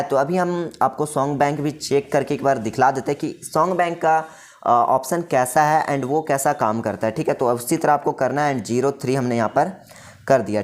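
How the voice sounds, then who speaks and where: A man giving a casual product demo, explaining each step and often checking in with the viewer. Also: on the high side. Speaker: music shop staff demonstrating a keyboard. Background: faint keyboard tones.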